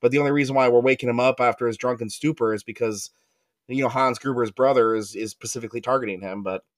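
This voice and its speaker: A man chatting as a podcast host, quick to joke and laugh, with lively swings in his delivery. His voice sits at an ordinary pitch and is recorded close and dry, with no room sound. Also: no echo. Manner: joking, animated, laughs often. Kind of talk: casual chat. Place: recording in Germany.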